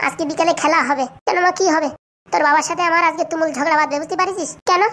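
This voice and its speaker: A scheming middle-aged cartoon mother scolds and orders her daughter about in a very high, squeaky voice. She rattles her lines off at a breakneck pace. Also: fairly even intonation, very fast, sharp tone, a little hiss or hum. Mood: bossy. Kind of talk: cartoon voice acting.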